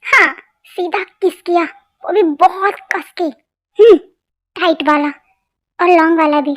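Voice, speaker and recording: A woman voicing a patient, teasing young husband in an amateur fan dub, speaking softly and coaxingly. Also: extremely high pitch, takes it slowly, voice pushed down, heavily acted. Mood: tender teasing.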